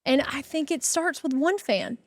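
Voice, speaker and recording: A woman's voice: high-pitched, animated, moderate pace, no room sound. A woman with a Southern accent from Georgia, hosting a podcast interview in a chatty, anecdotal way. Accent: Georgia Southern American. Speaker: podcast host.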